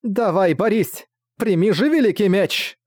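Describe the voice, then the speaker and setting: A man's voice: sits high, very animated, fast talker, darkish tone, dry recording, clean studio sound, pitched above the performer's own voice. A man voicing a group of plucky young female fan-club girls in an audiobook, eager and chirpy. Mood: chanting. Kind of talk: audiobook character voice.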